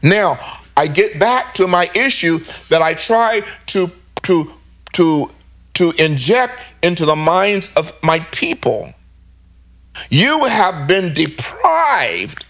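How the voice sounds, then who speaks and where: Emphatic high-voiced man teaching scripture. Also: a bit bright. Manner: emphatic, repeats himself while reading verses.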